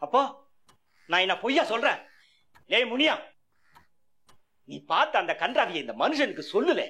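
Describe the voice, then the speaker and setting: A man's voice: extremely high pitch, big pitch swings, moderate pace, bright, forceful tone, exaggerated voice. An actor playing an angry, domineering village chief and father who threatens and gives orders, in a television serial. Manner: commanding, threatening. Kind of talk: 1990s television serial acting.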